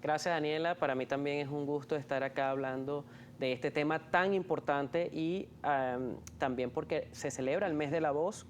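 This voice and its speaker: An ear, nose and throat doctor with a fairly high voice patiently explains terms during an interview. He is hesitant, often restarting sentences and using many fillers. There is slight background noise.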